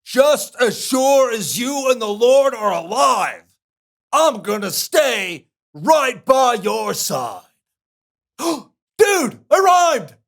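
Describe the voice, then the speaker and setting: Elisha, a gravelly surfer dude. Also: medium pitch, extremely slow, exaggerated voice. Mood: excited. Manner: slangy, drawling, excitable outbursts. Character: laid-back surfer-dude young prophet Elisha, male.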